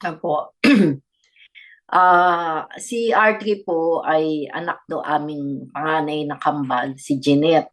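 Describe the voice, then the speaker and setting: A woman's voice: low voice, steady tone, takes it slowly. An older woman, a grandmother, giving a personal testimony in a radio interview with earnest storytelling. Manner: earnest storytelling, mixing Tagalog and English. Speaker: guest grandmother.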